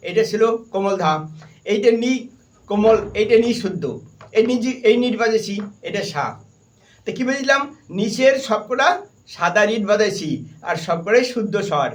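A man's voice: sits high, recorded from a distance. A man with a Bengali accent teaching a harmonium and keyboard class, firmly repeating points and naming notes as he plays. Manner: firm, repetitive, stern reminders to students; names and sings note syllables while playing. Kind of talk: music lesson. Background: keyboard playing.

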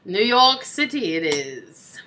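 A woman's voice: medium pitch, big pitch swings, slow, bright, forceful tone, slight background noise. A young woman co-hosting a let's play, chatting casually, giggling and reading game text aloud in a playful way. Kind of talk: casual gameplay chat.

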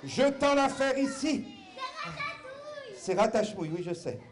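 A man's voice: extremely high pitch, lively intonation, a little slow. A man performing as a clown for a children's audience, playful and exaggerated, full of cries and banter with the crowd. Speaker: clown entertainer. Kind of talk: live clown show for children. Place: hall with a live audience. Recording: echoey hall, noisy crowd. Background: children's audience, clapping and chatter.

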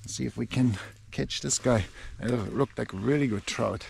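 Gravelly man vlogging by a lake. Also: mid-range voice, normal speed. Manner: relaxed, chatty, unsure asides. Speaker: fishing vlogger. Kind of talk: casual vlog narration. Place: outdoors by a lake and in a camper van.

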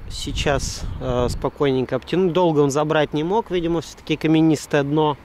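A man's voice: on the high side, fairly even intonation, fairly quick. A man giving casual, playful running commentary outdoors while filming, picked up by a camera microphone. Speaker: sailing vlogger. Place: outdoors, mostly on a sailing boat deck. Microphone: handheld camera microphone. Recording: loud wind and boat engine noise. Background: wind, water and boat noise.

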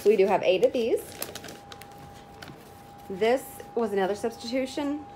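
Unpacking her groceries, a woman in her thirties who vlogs casually itemizes every product aloud. She speaks at a moderate pace in a warm, somewhat high voice. The poor recording carries clear background noise of crinkling packaging and rustling bags.

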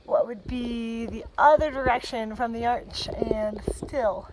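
A young woman talks casually into a phone at arm's length while hiking a river gorge. Her voice sits a little high and her asides are wry. Outdoor noise runs steadily under her voice. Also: takes it slowly, a little mellow, poor audio. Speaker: travel vlogger. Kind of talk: casual travel vlog to camera. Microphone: phone held at arm's length.

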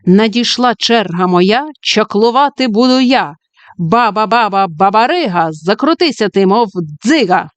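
A woman's voice: medium pitch, expressive, measured pace, no room sound, natural voice. A woman voicing a wicked, spiteful male sorcerer who chants rhyming spells with a hiss. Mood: chanting spells.

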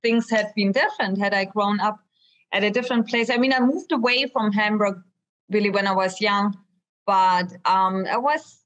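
A woman's voice: mid-range voice, normal speed, a bit bright, rough recording. A woman from Germany with a German accent, a guest artist chatting casually and laughing often. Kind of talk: casual conversation.

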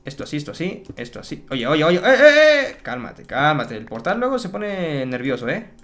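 A man commentating his Minecraft play for viewers, excitable and chatty, repeating words and exclaiming. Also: fairly high pitch, normal speed. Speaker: gaming YouTuber.

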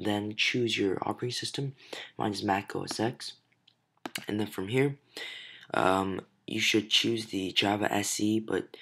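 A young man talks through a programming tutorial in a low, gravelly voice that sounds sick and hoarse. He keeps it casual, with plenty of ums and uhs between steps. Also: fairly bright tone. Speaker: tutorial host. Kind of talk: screen-recorded programming tutorial.

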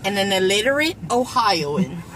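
A woman's voice: medium pitch, big pitch swings, normal speed. A woman with a Cajun Louisiana accent coaching playfully as a vlog host, chatting casually in a car. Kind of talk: casual comic vlog chat. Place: inside a parked car. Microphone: camera at dashboard distance. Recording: some noise, car interior.

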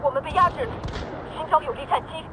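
A woman's voice: high-pitched, fast talker, close to an everyday voice. A woman voicing a commanding military announcer giving tactical updates in a video game. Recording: game audio under gunfire. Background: gunfire and vehicle noise.

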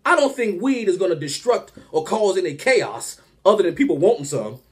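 Speaking in a high, fairly quick voice, this thirtysomething man delivers an exasperated, animated comedy rant to camera. He's in a small room at home, peppering the viewer with rhetorical questions.

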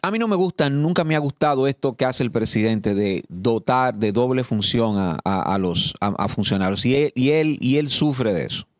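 Dominican guy ranting about politics in a dry studio, emphatic, slows way down to read stuff out. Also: mid-range voice, expressive, no echo. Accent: Dominican Spanish. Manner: indignant, emphatic, reads law text slowly and deliberately. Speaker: political commentator. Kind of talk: casual studio political talk. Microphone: studio mic.

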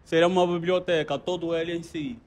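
A man's voice: a little high, little pitch movement, fairly quick, darkish tone. A young man with an Angolan accent explaining things casually and repetitively as he is interviewed outdoors. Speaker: caretaker being interviewed. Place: outdoors on a rooftop above the city. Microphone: handheld mic held by interviewer. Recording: open-air handheld with background noise.

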